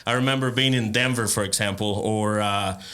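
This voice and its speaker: A man from El Salvador, a rapper and entrepreneur, telling his life story as a podcast guest in a relaxed way, with frequent fillers and laughs. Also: fairly low pitch, brisk. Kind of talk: casual interview chat.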